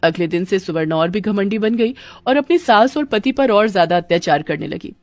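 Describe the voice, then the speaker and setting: A woman's voice: mid-range voice, animated, fairly quick, dry recording, faint music behind. A woman narrating a dramatic family story and voicing its characters.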